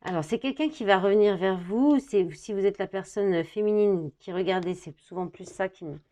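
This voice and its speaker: A woman giving a tarot reading to camera, thinking out loud as she reads the card words and dropping in small fillers. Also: mid-range voice, moderate pace.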